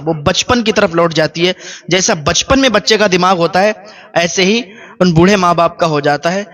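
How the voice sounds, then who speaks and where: Male preacher, emotional sermon, emphatic storyteller, high and bright.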